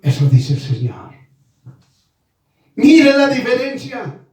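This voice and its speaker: A man preaching a sermon in a high-pitched voice, with an unhurried, deliberate delivery. He repeats key phrases and keeps asking whether his listeners understand. The sound is distant and heavily reverberant, as if captured far from the mic in a large echoing room. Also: big pitch swings, a little mellow.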